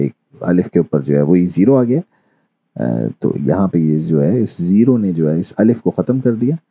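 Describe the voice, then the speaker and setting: Male Quran recitation teacher, deep dark husky voice, patient explainer, recites slowly. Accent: Urdu-speaking Pakistani. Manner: explains patiently, mixes in English phrases, recites verses slowly. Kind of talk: online lesson.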